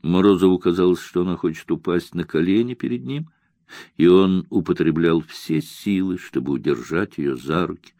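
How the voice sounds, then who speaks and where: A man reading an audiobook in a measured, expressive narrating style. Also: sits low, no echo, clean studio sound. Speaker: audiobook reader. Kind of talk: scripted narration.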